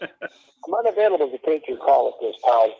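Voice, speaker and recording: A man's voice: medium pitch, big pitch swings, normal speed, gravelly, breathy edge. A man's recorded voicemail greeting played back over a phone line, in a mock-formal answering-machine delivery. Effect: recorded voicemail greeting heard over a phone line.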